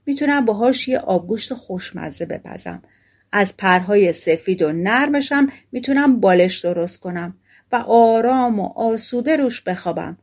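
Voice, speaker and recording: A woman's voice: mid-range voice, darkish tone. A woman reading the part of a gullible, cheerful young peasant man in a storybook tale. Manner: gullible, delighted exclamations.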